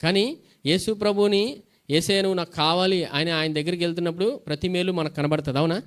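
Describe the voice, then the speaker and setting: A man's voice: high-pitched, fairly even intonation, fast. A pastor preaching a sermon. He asks questions and answers them himself, and reads scripture aloud between plain explanations.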